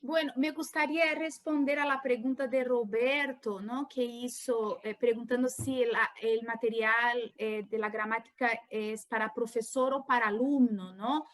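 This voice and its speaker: A woman co-author answering audience questions in an online presentation, speaking in a measured way with occasional fillers over a video call. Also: fairly high pitch, fairly even intonation. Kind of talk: online book presentation talk.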